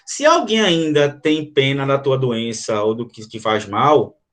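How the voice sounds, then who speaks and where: A man's voice: mid-range voice, unhurried. A Brazilian man teaching a literature class, explaining a sonnet and reading its verses aloud to his students. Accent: Brazilian Portuguese. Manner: animated, addresses students directly, reads verses aloud. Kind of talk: online class explaining a poem.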